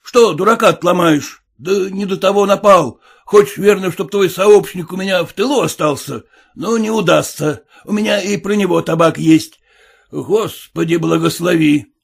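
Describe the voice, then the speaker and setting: A man voicing a nervous, haughty gentleman passenger who talks in an indignant, demanding way. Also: high voice, moderate pace, gravelly, breathy edge, pitched above the performer's own voice, exaggerated voice.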